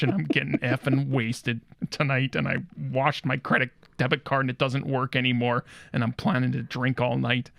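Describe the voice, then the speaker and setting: A crude, swaggering guitar store owner who lives for old-school rock, as a man puts him on. He brags in a gravelly voice and says 'effing' instead of swearing. The sound is dry and close. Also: mid-range voice, a bit bright, no room sound. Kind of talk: comedy character monologue.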